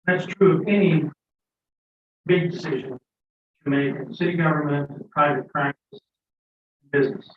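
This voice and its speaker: An older American man addressing a council formally, speaking deliberately in short, halting phrases. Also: on the high side, fairly even intonation. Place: echoey meeting room, away from mic. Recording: echoey room, distant, thin phone-like sound, noise.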